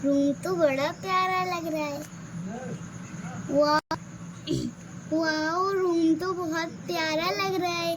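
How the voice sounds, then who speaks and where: A sweet young bride, voiced by a woman in a homemade doll-play skit. She speaks in a very high voice and draws every word out slowly. There is clear background noise throughout the recording. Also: fairly even intonation. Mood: delighted. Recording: noisy home recording.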